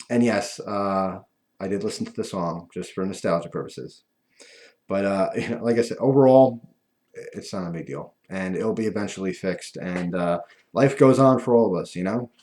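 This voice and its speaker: A man talking casually and ramblingly to viewers, with a lispy voice from missing front teeth that softens his F and V sounds. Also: lowish voice, animated, moderate pace. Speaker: video host.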